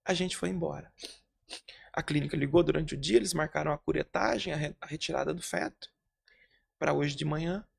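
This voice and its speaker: A man voicing a distraught woman as she recounts her grief, in a low, subdued retelling. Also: a little fast, creaky, husky, exaggerated voice. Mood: recounting.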